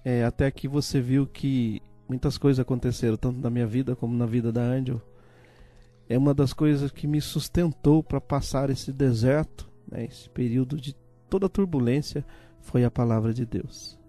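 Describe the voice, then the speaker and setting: A man giving a calm, measured religious testimony and quoting scripture passages. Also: medium pitch, faint music behind.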